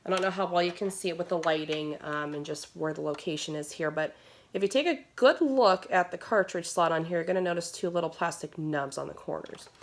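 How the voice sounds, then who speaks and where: An American woman who hosts gaming videos speaks in a low, nasal, congested voice at a brisk clip. Her casual tutorial vlog is informal and rambling, full of asides, recorded in a small room at home with background noise and handling clicks.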